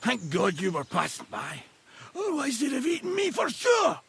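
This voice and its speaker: A male actor playing a drunk, injured huntsman in a video game, slurring like a town drunk in a raspy, self-pitying voice. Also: very high voice, huge pitch swings, normal speed, a bit bright, a little hiss or hum, heavily acted. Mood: drunken, rambling. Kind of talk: video game character acting.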